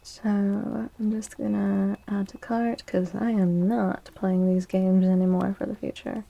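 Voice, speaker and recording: Her medium-pitched voice is mellow, creaky, and flat as she speaks gently near the microphone, hosting an ASMR tarot livestream. Taking her time, she keeps up relaxed chatter aimed at her viewers and greets them by name.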